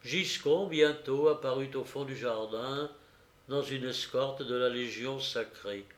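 A man reading a classic novel aloud in a slow, measured narration, lifting his voice for quoted shouts. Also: medium pitch, reverberant. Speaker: audiobook reader. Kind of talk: literary narration.

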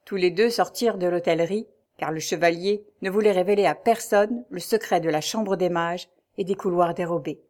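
A woman narrating a classic novel as an audiobook, in a measured, even storytelling manner. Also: on the low side.

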